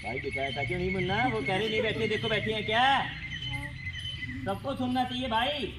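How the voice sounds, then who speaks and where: A male magician with a high voice talks to a school audience and keeps calling out to the children. He tells stories in a lively, repetitive way. Loud noise from the school event runs underneath. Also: a little fast. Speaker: stage magician. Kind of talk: magic show patter for schoolchildren. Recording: noisy school show recording.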